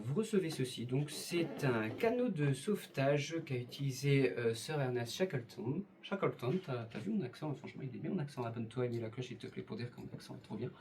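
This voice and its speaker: A man chats his way through a casual unboxing, his voice dark and mellow. He rambles, hesitates often and slips in jokey, mock-formal asides, over a faint hum of room ambience. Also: medium pitch. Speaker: YouTube host unboxing Lego sets.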